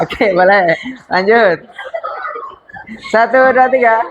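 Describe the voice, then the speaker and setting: A man's voice: extremely high pitch, slow pace, dull audio. A man teaching storytelling to a group in a workshop, upbeat and coaxing, counting students in for practice. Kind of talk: workshop lecture with practice drills.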